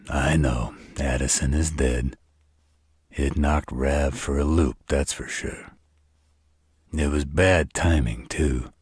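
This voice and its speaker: In a roleplay audio drama monologue aimed at the listener, a man voices an arrogant, teasing, flirtatious adult vampire. His very deep, husky, rough voice has a slightly mellow edge, and he delivers his lines in an exaggerated, smug, taunting slow drawl. The recording is dry and studio-clean.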